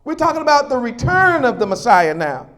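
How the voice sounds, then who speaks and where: Male preacher with a very high voice. Emphatic sermon delivery, calls for talk-back. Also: sing-song, fairly quick, a bit bright.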